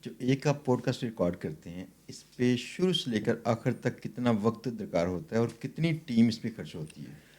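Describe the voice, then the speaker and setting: A man's voice: mid-range voice, lively intonation, a little mellow. A man hosting a podcast, asking questions and teasing his guest in casual talk. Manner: probing, teasing. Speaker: podcast host.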